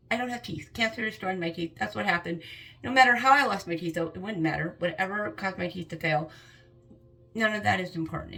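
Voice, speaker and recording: A woman's voice: lowish voice, gravelly, fairly bright tone, low-quality recording. A woman in her fifties speaking candidly and earnestly to camera in a personal vlog. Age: 50s. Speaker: vlogger.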